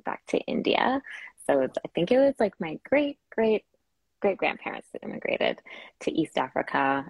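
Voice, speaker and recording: A woman's voice: low-pitched, gravelly, husky, no echo, rough recording. A woman from Kenya, a podcast guest chatting casually, hesitant with many fillers and restarts. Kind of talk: casual conversation.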